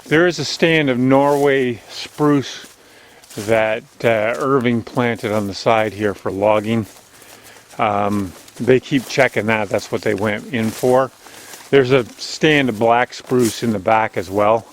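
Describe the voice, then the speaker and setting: A channel host with a strong, loud, medium-pitched voice walks an overgrown logging road outdoors, narrating his vlog in a chatty, rambling way at a slow pace. It's recorded on a handheld camera, with faint nature ambience and a little hiss or hum.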